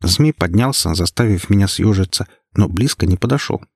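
Male audiobook narrator, low husky voice, dry close sound. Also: expressive, moderate pace, no room sound. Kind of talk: scripted narration.

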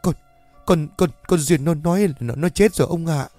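Tearful old mother, played by a man, pleading, lively swings in pitch, faint music bed. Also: normal speed, lightly acted. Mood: anguished.

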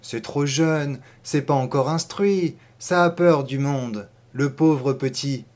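A man's voice: on the high side, lively intonation, measured pace, a little mellow, voice pushed up. A man voicing a cheerful young peasant maid and mother who talks simply and proudly in a storybook reading. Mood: gentle. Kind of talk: audiobook character voice.

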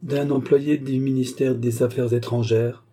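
A man voicing a servant who reads a newspaper aloud in an even, monotone way in a storybook reading. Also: medium pitch, measured pace, voice pushed up, natural voice.

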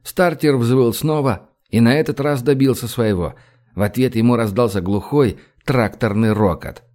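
A man narrating an audiobook in a measured, even storytelling voice, shifting his pitch for the characters' dialogue.

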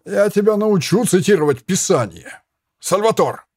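A man voicing a hot-tempered, drunk Spanish soldier who shouts and curses in slurred bluster. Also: high voice, expressive, moderate pace, slightly rough, dry recording, clean studio sound, voice pushed up. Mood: raging.

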